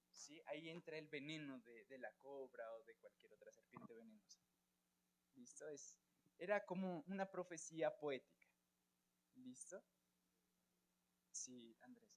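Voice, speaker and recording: A man with a Colombian Spanish accent teaching a church Bible class, often checking in with his students and asking them questions. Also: fairly high pitch.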